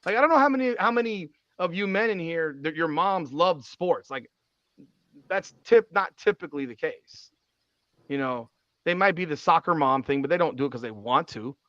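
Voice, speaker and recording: A man's voice: a little high, moderate pace, a bit bright, dry recording. A man in his forties hosting a podcast, talking in an emphatic, repetitive way and swearing freely. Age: 40s. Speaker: podcast host. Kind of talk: casual podcast chat. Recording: dull, slightly lo-fi sound.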